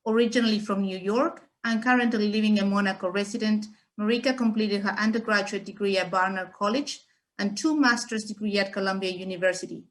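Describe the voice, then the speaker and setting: A woman's voice: medium pitch, brisk. A woman hosting an event, carefully reading a formal introduction of the next speaker. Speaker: event host.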